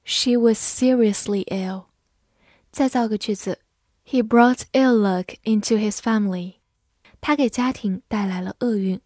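A woman teaching English vocabulary in a clear, patient way, reading example sentences slowly. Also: medium pitch, warm tone, no echo, clean studio sound. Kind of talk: vocabulary lesson explaining words.

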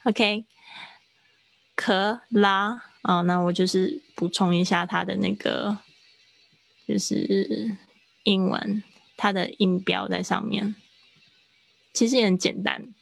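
A woman in her thirties teaching English in a chatty livestreamed lesson, explaining step by step and slowing down to sound out words. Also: mid-range voice, little pitch movement, creaky, slightly rough, no echo.

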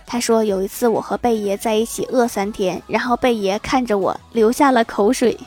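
Cheerful higher-voiced woman hosting a podcast. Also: steady tone, normal speed, noisy background. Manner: cheerful, laughs often while reading. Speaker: podcast host reading listener messages. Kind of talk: casual chat.

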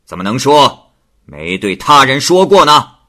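A man voicing a stern, imperious magistrate of old China, barking slow, threatening questions in a storytelling reading. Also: lowish voice, very animated, pushed and bright, slightly rough, full character voice. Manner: barks questions, drawn-out threatening delivery.

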